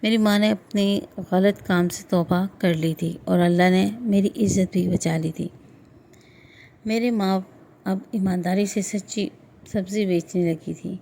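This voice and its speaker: A woman narrating an emotional first-person story in a steady, earnest way. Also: medium pitch, creaky.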